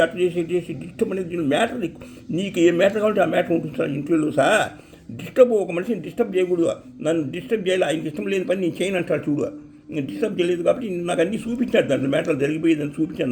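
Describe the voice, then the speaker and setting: Male devotee, slightly high gravelly voice, earnest halting storytelling to an interviewer. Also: a little mellow. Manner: earnest, halting, addresses listener as sir. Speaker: devotee telling a vision. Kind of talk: rambling spiritual talk to an interviewer.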